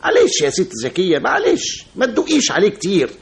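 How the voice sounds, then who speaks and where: A smooth Egyptian fixer who soothes and flatters his way out of trouble. His voice swings widely up and down, and he stumbles over his words when pressed. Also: high-pitched, fast, exaggerated voice. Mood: coaxing. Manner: flattering, stammers when cornered. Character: wily male fixer, smooth-talking.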